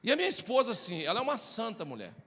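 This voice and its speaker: A man preaching a sermon as a pastor, telling personal stories in a lively, animated way and calling out to the congregation as brothers. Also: high voice, rapid-fire. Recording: reverberant hall.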